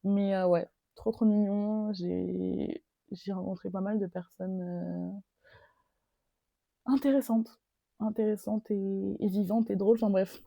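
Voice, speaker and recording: A woman's voice: medium pitch, level tone, unhurried, gravelly, warm tone, no room sound, studio quality. A young woman from Paris hosting a casual solo podcast, rambling and hesitant with many fillers and restarts. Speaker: podcast host.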